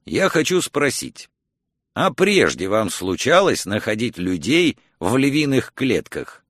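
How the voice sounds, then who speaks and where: A man voicing a calm, world-weary male morgue attendant who speaks low, quiet and dry. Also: takes it slowly, dry recording, heavily acted. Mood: deadpan.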